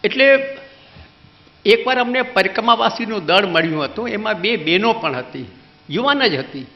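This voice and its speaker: A man's voice: high voice, animated, moderate pace, highs cut off. An older man giving a talk, telling jokey anecdotes with a chuckling storyteller's manner. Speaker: guest speaker.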